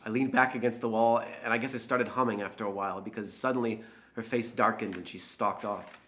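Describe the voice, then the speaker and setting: Man playing a resentful low-voiced drinker. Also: fairly even intonation, fairly quick, fairly bright tone, close to an everyday voice. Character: resentful, tipsy man who frightens a woman. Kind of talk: dramatic monologue.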